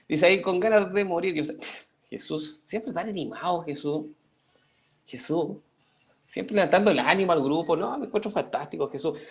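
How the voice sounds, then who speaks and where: A middle-aged man teaching over a video call, joking with his students before explaining the material. His voice is a little high and gravelly. The sound is dull and lo-fi. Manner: reads student chat aloud, playful. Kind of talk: online class lecture.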